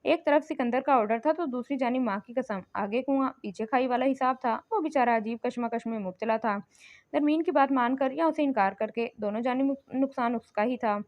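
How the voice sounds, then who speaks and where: A woman narrating a novel in a steady, emphatic storytelling manner, in a slightly muffled lo-fi recording. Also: on the high side, brisk, no echo. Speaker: audiobook narrator.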